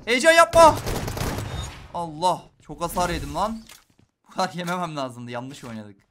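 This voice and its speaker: A young man giving live commentary while playing a shooter game, excitable and talking straight to his viewers, dropping to a hush and then bursting out loud. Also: fairly high pitch, normal speed, background noise. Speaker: gaming YouTuber.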